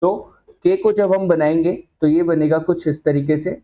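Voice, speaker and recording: A man's voice: on the high side, steady tone, mellow, dull audio. A man teaching a shorthand class, explaining patiently and often checking that the students follow. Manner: patient, checks understanding with repeated questions; spells out example sounds slowly. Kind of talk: whiteboard lesson explanation.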